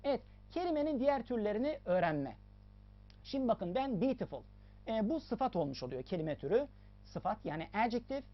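A woman teacher explains a lesson in a lively, sing-song way, her pitch rising and falling a lot as she stresses and repeats key points. The recording sounds a little dull and lo-fi. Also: a little fast. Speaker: English teacher.

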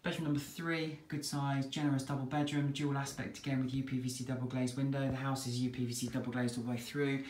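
An estate agent with an English accent gives a relaxed tour of a detached house for sale, inside and in the back garden, all captured on a handheld phone. His mid-range voice runs at a quick pace with few pauses, in plain, chatty sales patter. A little hiss or hum can be heard.

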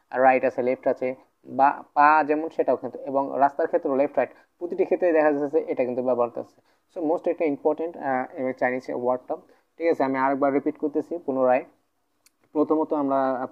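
A man giving a casual video lesson, repeating words slowly and often checking in with his listeners. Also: medium pitch. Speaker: language teacher. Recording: dull lo-fi sound.

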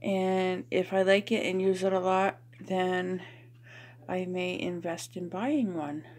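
A woman's voice: lowish voice, steady tone, takes it slowly, a little mellow. A woman chatting casually while she does a craft project at home, rambling with lots of fillers and restarts. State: out of breath. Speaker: craft vlogger.

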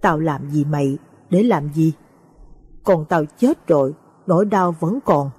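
Grieving old ritual master, bitter, choked up, low husky voice, as a woman reads him. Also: unhurried, a little mellow, no echo, studio quality.

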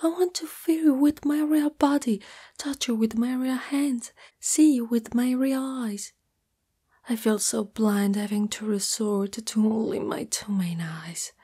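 An Italian woman voices a shy, lovestruck young spider monster girlfriend in an ASMR roleplay, whispering breathily in a hesitant, tender, intimate way. Her voice is slightly high, a little slow and mellow, and the mood is yearning.

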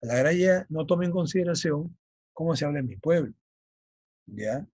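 A male teacher explaining vocabulary for an exam, often checking in with his students and slowly dictating key terms. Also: a little high, lively intonation, darkish tone, slightly rough, dry recording, rough recording. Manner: checks understanding with frequent "ya?". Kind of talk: vocabulary lesson for exam prep.

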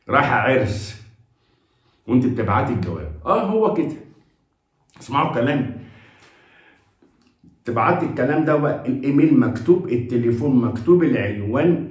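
Fast-talking Egyptian man in an echoey room. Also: mid-range voice. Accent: Egyptian Arabic. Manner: chatty and pleading, with frequent religious blessings. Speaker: vlogger giving job advice. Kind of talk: casual advice talk to camera.

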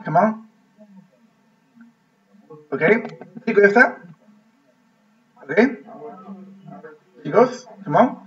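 Male English teacher, patient and repetitive, slightly high voice, muffled distant sound. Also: lively intonation, drawn-out words, pauses often, slightly rough, soft background music. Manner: repetitive, coaxing, laughs often. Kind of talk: online class teaching, mixing Spanish and English. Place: online video class.

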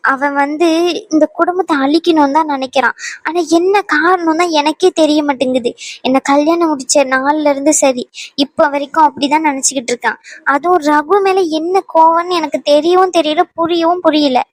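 A woman's voice: high-pitched, brisk, no echo, lightly acted. A woman voicing a strong-willed young wife in a cartoon dub, talking emphatically and scolding. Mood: determined. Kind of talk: cartoon dubbing.

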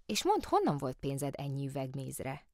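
A woman's voice: rumbling low, huge pitch swings, a little mellow, no room sound, studio quality, exaggerated voice. A woman voicing an earnest little girl who tries to sound stern, asking urgent, demanding questions. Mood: stern worried.

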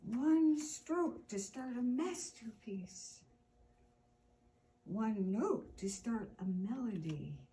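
An older woman hosting storytime reads a picture book aloud to children, slowly and expressively, drawing out words for emphasis. Her voice is a little high, and she's in an indoor room with an armchair, with slight background noise.

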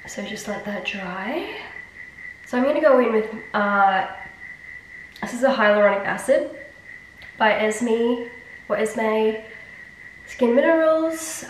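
Speaking slowly with long pauses and lively intonation, this young woman's somewhat high voice sounds nasal and blocked up from her sinuses. She chats in a rambling, self-deprecating way about skincare for her vlog, recorded from a distance in an echoey bathroom with a little background noise.

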